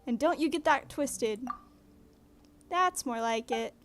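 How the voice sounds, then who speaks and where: A woman voicing an excitable, indignant little companion character from a video game. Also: high voice, slow pace, faint music behind, heavily acted. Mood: huffy.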